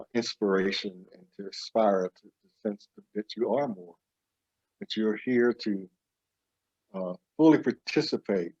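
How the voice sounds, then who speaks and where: A man's voice: on the low side, a little mellow, slightly rough. A man talking casually as a spiritual teacher, rambling with many restarts and acting out little inner voices. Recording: dull lo-fi recording.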